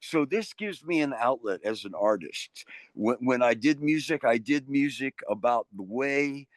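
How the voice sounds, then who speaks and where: A man's voice: medium pitch, measured pace, no echo. An older man, an interview guest, telling stories in a casual, rambling way and often restarting his sentences. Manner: rambling, restarts often, animated voices in anecdotes.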